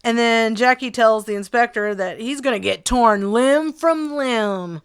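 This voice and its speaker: A woman's voice: fairly high pitch, a little slow, clean tone. A woman co-hosting a podcast, recapping a film plot in a chatty, wry way. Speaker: podcast co-host. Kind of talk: casual movie recap chat.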